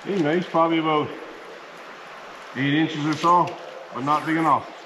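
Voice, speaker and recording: Man, middle-aged, fly fishing in a river, excited calls, loud outdoor noise, far mic. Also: on the high side, normal speed. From Newfoundland, Canada. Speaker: fishing video maker. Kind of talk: casual outdoor commentary.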